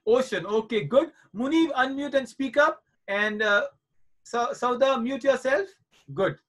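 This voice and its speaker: A man's voice: very high-pitched, expressive, unhurried, fairly bright tone. A man in his forties teaching children in a live online class over a video call, reassuring and coaxing them and repeating his points. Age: 40s.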